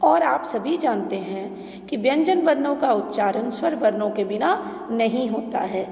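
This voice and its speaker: A woman teacher drills pronunciation in a slow, deliberate voice, sounding each word out with care. Her voice sits fairly high, and the recording rings with a long, roomy reverb. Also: lively intonation, vocal fry, a little mellow. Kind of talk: recorded class lesson.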